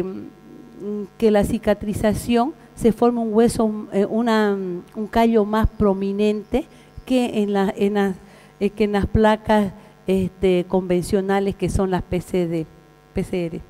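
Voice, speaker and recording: A Bolivian woman, a veterinary surgeon, giving a conference lecture in a large hall, talking haltingly with frequent fillers and restarts. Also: medium pitch, warm tone. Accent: Bolivian Spanish. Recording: reverberant hall with mains hum.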